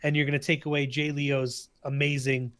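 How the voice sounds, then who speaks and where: A man's voice: mid-range voice, little pitch movement, normal speed, a bit bright. A man co-casting a live esports final, hyping the match and teasing his partner between analysis. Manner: hyped, teasing banter with co-caster. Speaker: esports caster.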